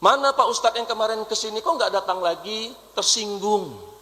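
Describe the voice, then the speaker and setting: Young male preacher, very high and bright, animated mosque sermon, echoing hall. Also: a little fast. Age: young adult. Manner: lively preaching, repeating phrases, mimicking voices in quoted dialogue.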